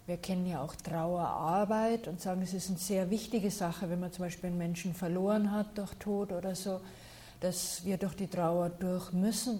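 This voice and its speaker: During a talk, a woman who teaches meditation takes questions from her listeners. Her voice is lowish, and she answers with calm patience.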